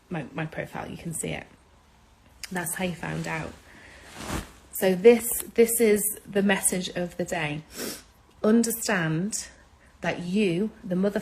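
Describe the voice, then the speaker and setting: A woman's voice: medium pitch, poor audio. Urgent, insistent woman. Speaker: social media speaker. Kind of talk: impassioned advice monologue.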